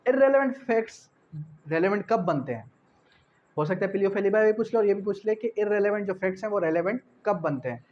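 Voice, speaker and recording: A man with a Pakistani accent teaches like an exam-prep law tutor, mixing Urdu with English legal terms, repeating key phrases and posing rhetorical questions in a didactic way. His voice sits high and is expressive, fairly quick, and a little mellow, with lo-fi sound.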